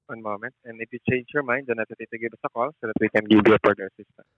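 A man's voice: mid-range voice, steady tone, racing, no echo. A man working as a customer service agent on a call, polite and deferential. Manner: polite, deferential, often says sir. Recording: thin narrow phone line.

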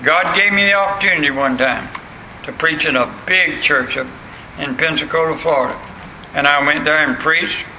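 A man's voice: a little high, normal speed, sharp tone, muffled recording. An older man with a rural Southern US accent and an old country voice, preaching a sermon in a plain-spoken, folksy way and repeating phrases for emphasis. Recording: echoey room, faint background noise.

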